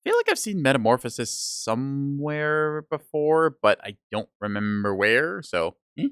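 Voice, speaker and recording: A man's voice: normal speed, smooth, no echo, studio quality. A man streaming a mech game, chatting casually and rambling as he plays, his voice starting to tire. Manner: chatty, rambling, lively pitch. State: voice starting to give out. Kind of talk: gameplay commentary.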